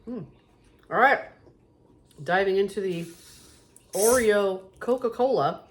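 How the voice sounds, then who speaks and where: A woman hosting a casual food review vlog, chatty and excitable, talking straight to her viewers. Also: medium pitch, slow. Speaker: vlog host.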